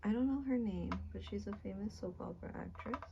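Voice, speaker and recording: A woman's voice: mid-range voice, fast talker, vocal fry, muffled recording, background noise. A young woman chatting casually with her sister during a makeup session, playful and teasing. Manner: playful, teasing, laughs easily. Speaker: co-host, sister. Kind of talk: casual get-ready-with-us chat.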